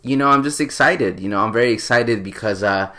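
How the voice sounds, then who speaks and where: A man's voice: fairly low pitch, brisk, pushed and bright. A man in his late twenties from New York, hosting a podcast in a casual, earnest, rambling way with many fillers. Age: 20s. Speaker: podcast host.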